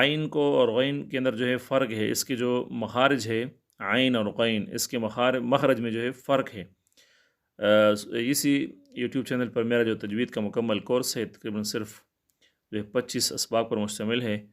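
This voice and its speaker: A man's voice: mid-range voice, a bit bright. A man teaching Quran recitation, explaining common mistakes plainly and repeating himself. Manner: plain, explanatory and repetitive, with filler pauses.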